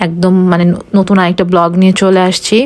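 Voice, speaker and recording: A woman's voice: fairly low pitch, flat delivery, racing, darkish tone. A young woman from Bangladesh chatting casually as a food vlogger while talking through a face mask, rambling with lots of fillers. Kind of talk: casual vlog narration.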